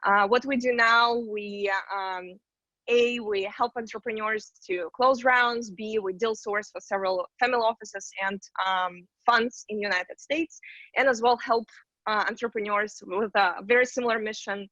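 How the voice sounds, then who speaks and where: A woman's voice: fairly high pitch, fairly even intonation, moderate pace, sharp tone, no room sound. A woman from Ukraine presenting as an investment banker in an online talk, upbeat and chatty with many fillers. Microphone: computer mic on a video call. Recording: dull, dry video call audio.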